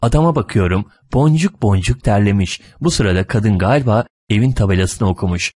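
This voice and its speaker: A man reading a humorous short story aloud as narrator, in a lively, animated manner. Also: on the low side, fairly quick, no echo, studio quality.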